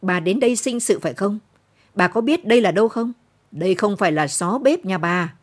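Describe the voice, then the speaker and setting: Proud village man shouting in indignation, quick and husky, voiced by a woman reader. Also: medium pitch, lively intonation, natural voice. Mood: indignant. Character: haughty middle-aged village man, shouting in anger.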